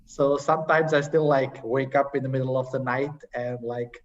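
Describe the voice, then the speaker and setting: A young man speaks as a panel guest in a relaxed, conversational way, often stopping with fillers and restarting. His voice sits at an ordinary pitch. The video-call audio is dull and sounds as if he is some way from the mic. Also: recorded from a distance. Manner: halting, many fillers and restarts. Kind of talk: casual conversational sharing.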